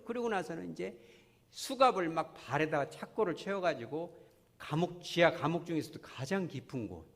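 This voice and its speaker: A man preaching a sermon in a church, telling stories earnestly and asking the congregation question after question. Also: fairly high pitch. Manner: earnest, storytelling, many rhetorical questions to the congregation. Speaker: pastor. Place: church sanctuary. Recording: long church reverb.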